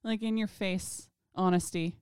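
A woman's voice: mid-range voice, steady tone, unhurried, a little mellow, clean tone, dry recording, studio quality. A woman in her thirties co-hosting a podcast, bantering bluntly and laughing often. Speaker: podcast co-host. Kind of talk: casual chat.

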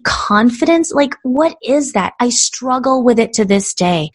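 A woman in her thirties, from the Philippines, speaks as a podcast guest. She talks in a reflective, expressive way, with casual fillers. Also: medium pitch. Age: 30s. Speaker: guest, business coach. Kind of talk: interview conversation.

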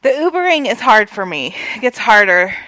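Woman chatting, bright sharp voice, dry close sound, tells the story along with her friend. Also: on the high side, sing-song, normal speed, no echo, low-quality recording. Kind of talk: casual chat.

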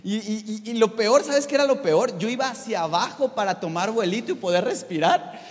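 A man preaching a sermon, telling a personal story in an animated way and putting questions to the congregation. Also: high voice, a little fast, big-room sound. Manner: animated, addresses the audience with questions.

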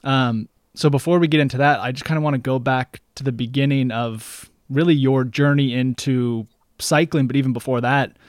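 A man's voice: medium pitch, fairly even intonation, normal speed, no room sound. Chatty male podcast host, dry sound. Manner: chatty, meandering questions full of "you know". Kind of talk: casual interview.

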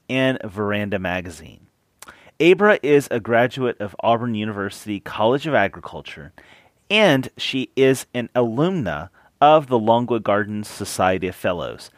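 Lower-pitched man reading a podcast intro. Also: dry recording, studio quality. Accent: Tennessee. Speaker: podcast host.

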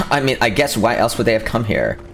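A man's voice: medium pitch, sing-song, fairly quick, gravelly, a bit bright, a little hiss or hum. A man voicing the ghost of a slain elven village woman, petulant and exasperated, who whines and swears. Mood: whiny. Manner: whiny, sulky, swearing.

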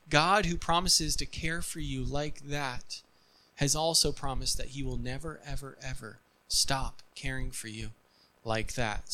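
A man preaching a sermon as pastor, earnest and emphatic, leaning on repetition, and closing in soft, quiet prayer. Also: a little high, rough recording.

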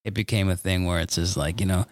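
Deep-voiced man rambling through family stories. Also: steady tone, fast talker, no room sound, clean studio sound. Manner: rambling, playful storyteller with many fillers. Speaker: podcast co-host. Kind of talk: casual family chat.

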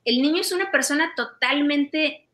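A woman's voice: high voice, moderate pace, sharp tone. A Mexican woman and mother talking casually and reflectively, often checking in with "¿sabes?". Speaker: parent sharing advice. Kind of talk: casual conversation.

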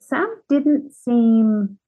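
A woman's voice: on the high side, drawn-out words. A woman guest on a podcast telling a gossipy story, quoting the people in it and laughing as she goes. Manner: animated gossipy storyteller who quotes people. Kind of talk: casual storytelling chat.

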